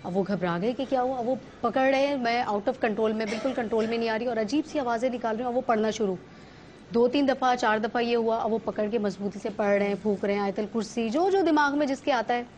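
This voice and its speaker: Brief: woman from Pakistan, talk-show guest, lively storyteller, slightly high voice, faint hiss. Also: fast talker. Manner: vivid storytelling, acts out others' lines.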